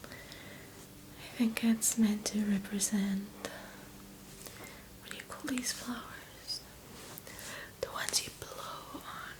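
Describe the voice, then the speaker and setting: A woman speaks in a soft spa whisper for an ASMR massage role-play. Her whispered role-play is slow and gentle, with an even, narrow melody. The phrasing is soothing and unhurried. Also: a little high.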